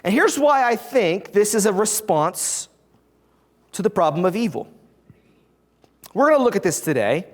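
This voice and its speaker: A preacher giving a sermon in a church, animated and full of rhetorical questions put to the congregation. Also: mid-range voice, normal speed, pauses often, in a large hall. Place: church sanctuary.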